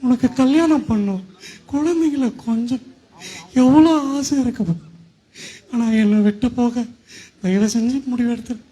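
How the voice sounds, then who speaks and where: A widowed father, played by a man in a church skit, pleading through tears with his only son. His voice is high but very dark and husky. He keeps repeating his plea. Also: moderate pace, long pauses. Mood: tearful pleading. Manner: tearful, pleading and repetitive.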